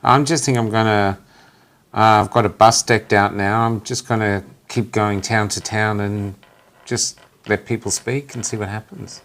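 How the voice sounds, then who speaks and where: Man, guest, anecdotal storyteller, laughs a lot, fairly low voice. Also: moderate pace. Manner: lively anecdotal telling, laughs often. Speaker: guest, traveling activist. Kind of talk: casual storytelling in a chat.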